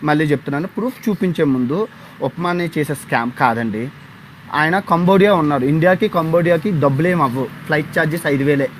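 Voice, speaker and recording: A man's voice: fairly high pitch, fast talker, a little hiss or hum. A young man with a Telugu accent, ranting sarcastically and pleadingly on a livestream from a phone mic. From India. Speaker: travel vlogger on a livestream. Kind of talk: mocking livestream rant.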